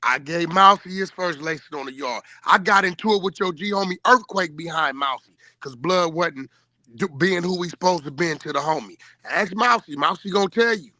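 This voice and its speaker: A man's voice: fairly high pitch, moderate pace, bright, forceful tone, no room sound. A man talking casually and boastfully on a call, in an emphatic, insistent, slangy street style.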